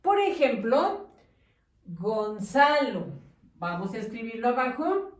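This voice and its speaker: Slow, patient woman teacher in echoey room. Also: fairly high pitch, very animated, a little mellow. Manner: patient, slow, syllable-by-syllable dictation with check-in questions. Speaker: primary school teacher. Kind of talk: slow handwriting lesson for young children. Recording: echoey room, distant mic.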